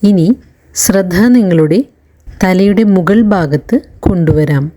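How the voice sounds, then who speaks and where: In a slow guided relaxation, a woman speaks soothingly at an extremely slow pace, her low, very mellow voice separating short phrases with long pauses, much as a meditation instructor would.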